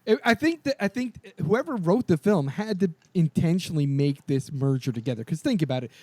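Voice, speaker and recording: Excitable, swearing man on a podcast. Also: fairly high pitch, brisk, dry recording. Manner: excited, swears a lot, laughs often. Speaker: podcast co-host. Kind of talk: casual movie discussion.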